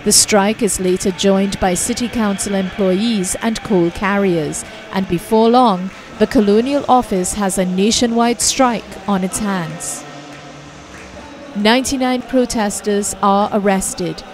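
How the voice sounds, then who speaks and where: Woman narrating a documentary over music. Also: medium pitch. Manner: measured, clear documentary delivery. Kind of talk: scripted narration.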